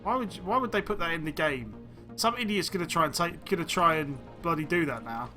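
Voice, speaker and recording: A man's voice: a little high, expressive, brisk, pushed and bright, faint music behind. A man streaming a video game, chatting and thinking aloud as he plays, rambling between choices. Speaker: gaming streamer. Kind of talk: let's-play commentary.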